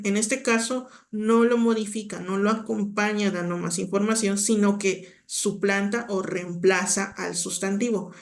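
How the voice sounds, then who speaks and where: A woman's voice: medium pitch, gravelly. A woman teaching an exam-prep grammar lesson, patiently explaining and talking directly to the student with checking questions.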